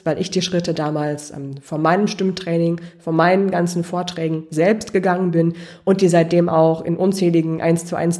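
A woman's voice: medium pitch, a little mellow. A woman voice coach speaking directly to the listener, encouraging them step by step with questions.

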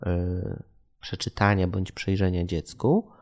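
A man's voice: low-pitched, steady tone, slow, darkish tone. A man hosting a casual interview, asking questions and summarizing with some hesitation, who calls himself a product designer. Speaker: podcast host.

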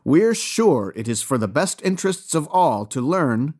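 Pompous windbag master, voiced by a male narrator, slightly high, animated. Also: measured pace. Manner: pompous, speaks of himself as "we". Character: long-winded, grandiose lodge master.

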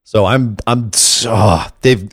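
Excitable man chatting about wrestling. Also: fairly low pitch, takes it slowly, dry recording, studio quality. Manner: animated, excitable, breaks into laughs. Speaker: podcast co-host. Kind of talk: casual wrestling chat.

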